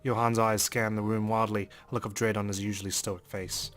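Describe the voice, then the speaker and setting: A let's play host reads a visual novel aloud in dramatic first-person narration, with music playing under his voice. His voice is fairly low and fairly bright, delivered a little fast and rather flat.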